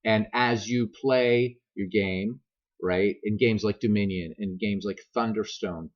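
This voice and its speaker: Low-pitched American man, casual streamer chat. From grew up many years in America; also Irish. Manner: self-deprecating, joking, digressive. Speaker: streamer and gaming video host. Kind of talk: casual rambling chat to viewers. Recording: dull lo-fi laptop microphone.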